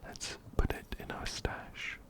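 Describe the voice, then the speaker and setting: A man whispers softly and breathily into a close-up, ear-to-ear binaural mic while hosting an ASMR video game playthrough. He takes his time and often repeats words and phrases.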